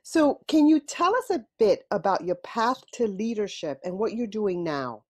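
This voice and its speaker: A woman hosting a leadership podcast, asking questions and affirming her guest in a warm, encouraging way. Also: mid-range voice, expressive, moderate pace. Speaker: podcast host. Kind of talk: interview hosting.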